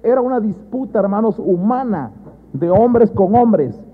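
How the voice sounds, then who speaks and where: Husky high-voiced pastor preaching. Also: male voice, animated, a little slow. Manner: swings from loud emphatic bursts to low quiet asides; keeps addressing the church as brothers. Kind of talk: sermon. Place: church. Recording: thin phone-like sound.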